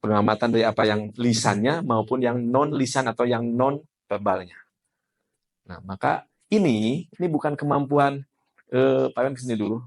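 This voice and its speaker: A man, teaching a class as an NLP trainer in a lively style and often putting questions to the room. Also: medium pitch, normal speed. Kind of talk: classroom lecture.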